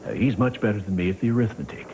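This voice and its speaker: Man as very deep, evasive, oily ex-leader. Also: lively intonation. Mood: evasive, smarmy. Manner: halting, smooth-talking hesitations. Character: evasive, oily deep-voiced male ex-prime minister. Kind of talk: political sketch comedy impression. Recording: noisy location sound.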